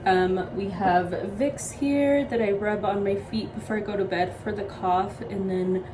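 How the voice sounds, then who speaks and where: A woman's voice: mid-range voice, fairly even intonation, a little slow, far from the mic, background noise. A young woman vlogging at home while sick, short of breath and with a sore throat, rambling casually with lots of "like" and "um". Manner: rambling, heavy use of "like" and "um". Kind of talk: casual chat to camera.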